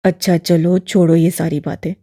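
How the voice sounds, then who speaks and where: A woman voicing a kindly elderly male imam who speaks in a steady, balanced, fatherly tone, deeper and fuller than her own voice. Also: normal speed, no room sound, studio quality. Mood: gentle. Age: older.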